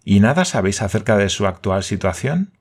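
A man voicing an eager, excitable scholar who asks question after question. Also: fairly low pitch, brisk.

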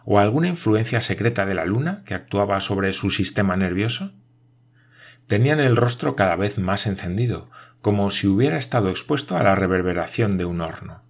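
A man narrating an audiobook in a measured storytelling manner. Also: fairly low pitch, lively intonation.

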